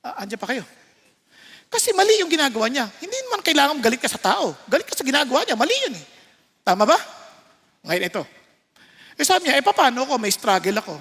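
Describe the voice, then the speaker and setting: A man's voice: very high-pitched, big pitch swings, fast talker, long pauses, pushed and bright. A man with a Filipino accent preaching a sermon as pastor, emphatic and often checking in with his listeners. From Philippines. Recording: reverberant hall sound.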